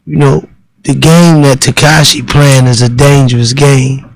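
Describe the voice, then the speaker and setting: A man's voice: medium pitch, fairly even intonation, measured pace, no room sound, low-quality recording. A man with a Baltimore accent, a guest speaking earnestly and insistently, repeating his points. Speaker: guest rapper. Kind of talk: casual interview chat.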